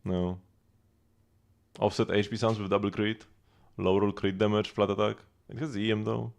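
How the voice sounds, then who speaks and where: This streamer's voice is on the low side, gravelly and a little mellow, level in tone at normal speed. He plays, thinks aloud and chats casually with viewers in offhand live commentary while music plays.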